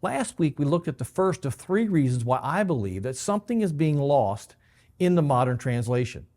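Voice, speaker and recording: Lively-voiced pastor teaching scripture. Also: male voice, on the high side, moderate pace. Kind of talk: scripted Bible teaching to camera.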